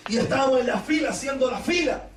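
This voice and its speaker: A Chilean man preaching a Pentecostal sermon, telling stories with laughter and sudden shouted praises. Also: very high voice, fast, distant mic. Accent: Chilean Spanish. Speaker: pastor. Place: church hall. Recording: echoey church hall, mic from afar.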